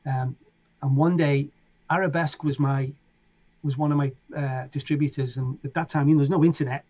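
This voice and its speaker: A man's voice: on the high side, fairly quick. A middle-aged man with a Liverpool accent, a DJ and producer telling stories in a casual interview and acting out other people's lines. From England. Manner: animated, acts out other people's lines in raised voices. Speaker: DJ and producer guest. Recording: dull lo-fi sound.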